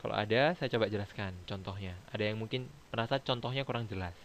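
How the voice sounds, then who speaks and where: A man's voice: on the low side, fast, fairly bright tone, slight background noise. Male teacher, casual lecture delivery, explains grammar patiently, mixes in English examples. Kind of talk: online class lecture.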